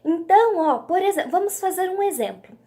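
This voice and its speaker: A woman's voice: very high-pitched, animated, brisk, dark tone. A Brazilian woman teaching a children's literacy lesson, stretching out syllables in a sing-song teacher voice and asking the children questions. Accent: Brazilian Portuguese. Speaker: primary school teacher.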